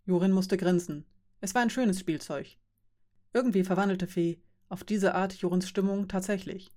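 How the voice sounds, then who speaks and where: A woman narrating a story in a plain, even reading voice. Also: medium pitch, moderate pace. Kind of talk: audiobook reading.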